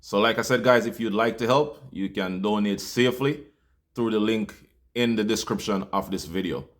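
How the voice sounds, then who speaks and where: A man's voice: lowish voice, normal speed. A Jamaican man hosting his channel, making a heartfelt appeal to viewers in a loose, filler-laden way. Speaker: channel host.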